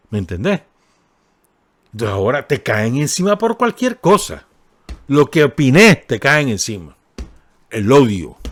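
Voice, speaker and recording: There's no echo on this mid-range male voice. Speaking with a Nicaraguan Spanish accent from a radio studio, he reads a column aloud and discusses it in an easygoing way, asking listeners if they agree and making ironic side comments.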